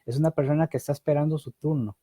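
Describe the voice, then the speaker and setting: A man co-hosts a Bible discussion in a calm, measured way. His voice is mellow and mid-pitched, and the sound is dry. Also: husky, no room sound. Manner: measured, reads viewer messages aloud. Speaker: co-host.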